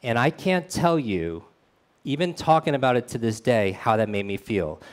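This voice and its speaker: A man's voice: mid-range voice, expressive, normal speed. A man giving a motivational storytelling talk at a meetup, earnest and speaking straight to the audience.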